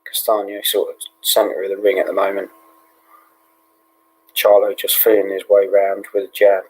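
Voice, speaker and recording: A British man hosting a live fight watch-along in a hushed, half-whispered voice, relaxed and full of ums and yeahs. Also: fairly low pitch, moderate pace, breathy edge, rough recording. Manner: relaxed, with many fillers like um and yeah. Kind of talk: low-key live fight commentary.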